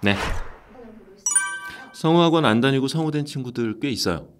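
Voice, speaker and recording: A man's voice: medium pitch, normal speed, soft background music. A middle-aged man, a voice actor who runs an acting academy, answering interview questions in a casual way and acting out the lines he quotes. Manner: animated storytelling, acts out quoted lines.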